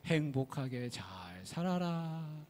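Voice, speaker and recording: A man voicing an old male mountain spirit in a folk tale, speaking in a slow, drawn-out, stately way. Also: fairly high pitch, a little mellow. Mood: solemn.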